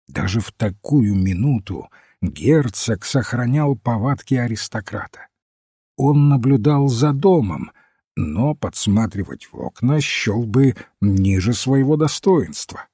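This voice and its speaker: Brief: male audiobook narrator, unhurried and dark-toned, close dry sound. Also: medium pitch, breathy edge, no room sound. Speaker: audiobook reader. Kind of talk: scripted narration of a detective story.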